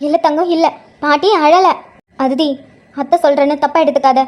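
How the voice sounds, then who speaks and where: A woman voicing an older grandmother and mother-in-law who speaks softly and sorrowfully, full of guilt. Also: high-pitched, fairly even intonation, brisk, highs cut off, natural voice. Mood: pleading. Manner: soft, pleading and sorrowful. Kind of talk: cartoon drama voice acting.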